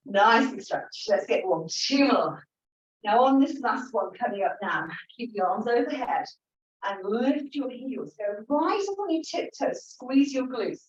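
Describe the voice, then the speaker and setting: A woman leads a Pilates class, encouraging the group as she counts reps and cues each breath in and out. Her voice carries a roomy echo and sounds a little dull and muffled. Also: on the high side. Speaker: Pilates instructor. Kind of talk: guiding an exercise class.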